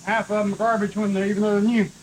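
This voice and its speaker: A man's voice: high-pitched, flat delivery, racing, slight background noise, poor audio. A man, joking around and giving practical tips while he works on an old truck in his shop. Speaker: custom shop owner, co-host. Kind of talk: casual shop vlog talk. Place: auto shop garage.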